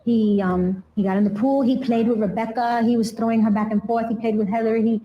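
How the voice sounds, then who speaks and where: A woman's voice: on the high side, steady tone, a little fast, highs cut off, a little hiss or hum. A woman recalling her late brother in a documentary interview, telling the story by acting out the dialogue. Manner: storytelling, acts out quoted dialogue. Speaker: interviewee, late rapper's sister.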